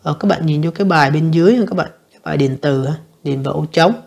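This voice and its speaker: A woman teacher, going through an English exam answer by answer and reading the English lines slowly. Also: deep voice, vocal fry, a little mellow, breathy edge. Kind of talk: exam review lesson.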